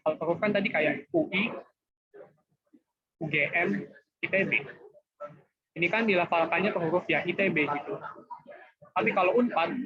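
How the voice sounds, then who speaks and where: High-voiced young man tutoring casually. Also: breathy edge. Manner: chatty, informal, often says guys and gitu. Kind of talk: casual online class explanation. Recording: dull lo-fi online class audio.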